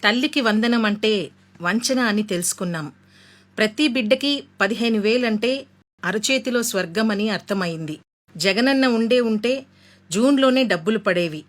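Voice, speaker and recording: A woman's voice: medium pitch, fairly bright tone, close to an everyday voice. A woman playing a struggling, aggrieved housewife in a satirical street skit, complaining in a declamatory way.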